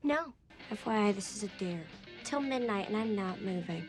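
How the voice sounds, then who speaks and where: An actress playing a stubborn, sharp-tongued teenage girl in a film, blunt and sarcastic. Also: mid-range voice, expressive, normal speed, soft background music, close to an everyday voice. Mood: defiant.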